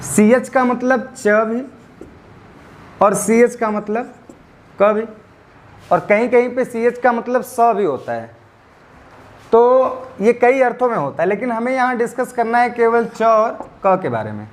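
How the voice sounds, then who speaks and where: Guy teaching english grammar, high voice, spells letters out slow and quizzes the class then answers himself. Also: animated. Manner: asks students questions and answers them himself; spells out letters slowly, stresses pronunciation. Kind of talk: classroom lecture.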